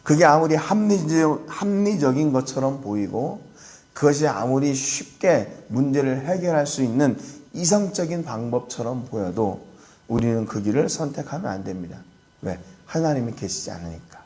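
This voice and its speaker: A man, a pastor, preaching an early-morning prayer sermon in an earnest way, sometimes acting out scoffers' voices and dropping to a soft hush for emphasis. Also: medium pitch, expressive, moderate pace.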